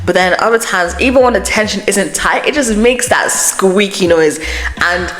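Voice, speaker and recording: A woman's voice: mid-range voice, normal speed, a bit bright, soft background music. A woman hosting a casual, chatty solo podcast, venting emphatically and informally, with an echo effect on her microphone. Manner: informal, emphatic venting about small annoyances. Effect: microphone echo setting, echoey reverb. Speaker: host of a crochet podcast vlog. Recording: echoey voice from microphone echo setting.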